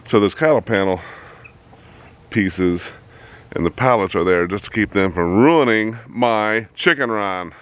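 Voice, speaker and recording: Low-voiced chatty hobby farmer outdoors. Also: male voice, a little slow, fairly bright tone, clear, resonant tone. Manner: chatty and joking, talks to his animals. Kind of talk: casual vlog narration. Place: outdoors by a farm fence.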